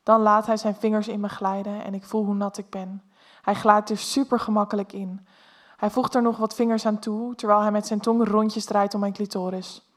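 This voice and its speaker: A woman reading an erotic story aloud in a soft, intimate first-person narration. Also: medium pitch, level tone, moderate pace.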